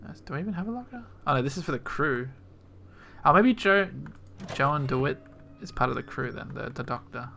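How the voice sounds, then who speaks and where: A man's voice: fairly high pitch, expressive, brisk, vocal fry, pushed and bright, a little hiss or hum. A man commentating as he plays a video game, joking, chatty and talking back to the game. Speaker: game player. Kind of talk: let's play commentary.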